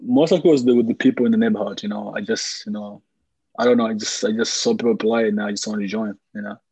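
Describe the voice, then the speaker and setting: A man in his twenties from Congo (DRC), later living in Malawi, speaks with a Congolese accent in a lowish, husky, darkish voice, quick and fairly even in intonation. The poor audio has no room sound. As a soccer player being interviewed, he answers casually and conversationally, often repeating himself and peppering his speech with "like" and "you know."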